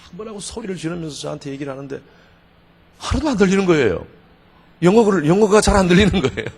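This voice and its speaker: Gravelly pastor preaching in a reverberant church. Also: male voice, a little high. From Korea. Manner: storytelling, animated, with sudden shouts and quiet asides. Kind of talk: revival sermon with personal testimony. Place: church sanctuary. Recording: church hall with long reverb.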